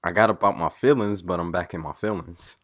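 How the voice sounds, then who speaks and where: Young guy cohost, deep voice, joking around easy. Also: a little fast. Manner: joking, relaxed. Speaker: podcast co-host. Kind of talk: casual chat.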